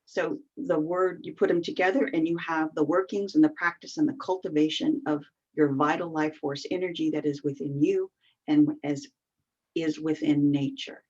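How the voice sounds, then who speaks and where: A woman with a fairly low voice explains an energy practice in an unhurried, earnest way, building her points one piece at a time. She is heard over a video call, and the sound comes through muffled and lo-fi. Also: steady tone, a little mellow. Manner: earnest, explains step by step with many fillers. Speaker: qigong teacher, guest. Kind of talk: explanatory interview answers.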